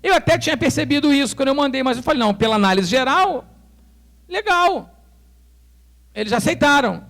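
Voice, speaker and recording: A man's voice: very high voice, fast, vocal fry, few pauses. A male pastor with a Brazilian Portuguese accent telling a story in a sermon, acting out the dialogue as he goes. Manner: animated storytelling, acts out dialogue.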